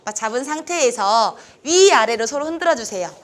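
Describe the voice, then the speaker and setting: A woman's voice: fairly high pitch, expressive, brisk. A woman instructor leading a training class, upbeat and encouraging as she guides the group step by step through a game. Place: lecture room with adjustable lights.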